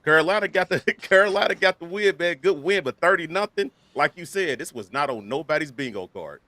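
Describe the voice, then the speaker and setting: Lively, higher-voiced male co-host. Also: brisk, no echo. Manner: colloquial, laughing through opinions. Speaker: sports show co-host. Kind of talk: casual sports talk.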